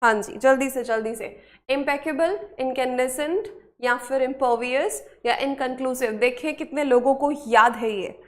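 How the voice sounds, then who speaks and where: Indian woman teacher, high voice, quick and cheery, keeps saying hurry up, very good. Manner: brisk, praising, urging students to hurry. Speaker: English spelling teacher. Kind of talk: live online class, quizzing students.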